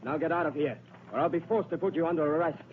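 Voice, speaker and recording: An actor playing a firm, dutiful Roman guard officer in a dubbed historical film. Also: male voice, on the high side, fast talker, close to an everyday voice. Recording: tinny, noisy narrow-band old film soundtrack.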